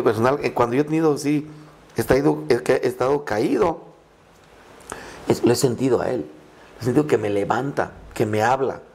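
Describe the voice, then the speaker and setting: A man's voice: mid-range voice, vocal fry, darkish tone. A middle-aged male priest speaking earnestly in a conversational interview, telling his story with frequent restarts. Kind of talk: conversational podcast testimony.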